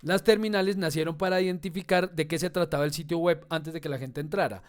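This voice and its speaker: A man teaching a class. His voice sits a little higher than most men's, and he talks in a patient, explanatory way. He often checks in with his students as he goes. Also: fairly even intonation, quick pace. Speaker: instructor. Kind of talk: online class lecture.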